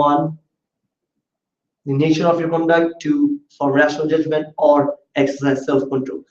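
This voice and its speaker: Guy teaching law, higher voice, roomy dull lo-fi class recording. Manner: questioning students, explaining step by step. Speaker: law tutor. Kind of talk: classroom lecture.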